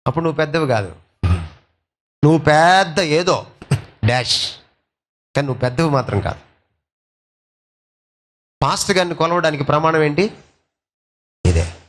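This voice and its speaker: A male pastor preaching a sermon, asking rhetorical questions, slipping English phrases into his talk, and swinging between loud and soft delivery. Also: fairly high pitch, lively intonation, normal speed, pauses often.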